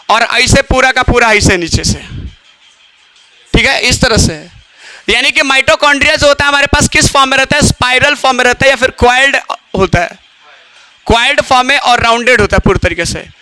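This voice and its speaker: Bright, high-voiced biology teacher. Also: male voice, clear, resonant tone, no room sound. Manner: asks questions and answers them himself. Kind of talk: classroom lecture.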